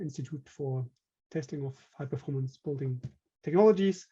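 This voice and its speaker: This is a company director with a German accent presenting a technical webinar, his voice on the high side, dark and husky. He speaks hesitantly, full of fillers and restarts, and the sound quality is lo-fi.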